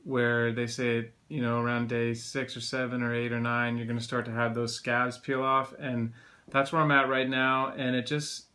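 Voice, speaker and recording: A man's voice: medium pitch, flat delivery, moderate pace, bright, forceful tone. A man recovering from throat surgery with a sore throat talks casually in a rambling, conversational way, like a personal vlog update. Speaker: video blogger.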